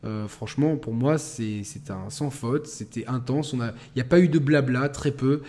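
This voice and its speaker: A man hosting a casual gaming podcast, talking with animated stops and restarts. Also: medium pitch, normal speed. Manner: animated, stumbling restarts, laughing storyteller. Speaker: podcast host.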